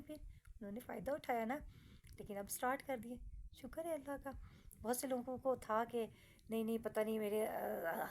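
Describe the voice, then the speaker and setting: A middle-aged woman with a Pakistani Urdu accent talks to her viewers in a casual vlog, earnest and advising, and she comes back to the same points again and again. Her voice sits a little high. A faint hiss runs under the recording. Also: a little mellow. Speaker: vlogger. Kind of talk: casual personal talk to viewers.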